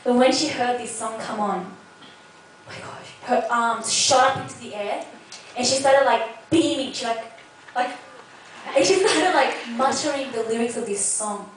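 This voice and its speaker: A woman's voice: a little high, a little slow. Earnest young woman telling a testimony, echoey. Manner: earnest, heartfelt storytelling. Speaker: speaker sharing a personal testimony. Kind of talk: spoken personal testimony. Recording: echoey, distant mic with faint noise.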